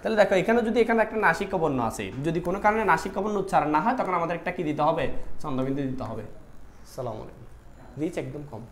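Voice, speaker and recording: Male online tutor, quick and high-pitched, in an echoey room, keeps quizzing the class. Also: slight background noise. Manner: talks to students directly, repeats "dekho" often; asks questions and answers them himself. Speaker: online Bangla admission-test teacher. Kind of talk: live online class, explaining spelling questions.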